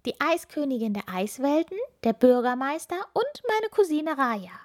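A woman voicing an eager, bold little witch girl with a high, bright voice. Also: very animated, moderate pace.

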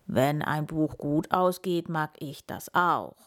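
A woman voicing a big, gruff but kind male bear in a read-aloud storybook, grumbling his lines. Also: deep voice, slow pace. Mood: grumbly.

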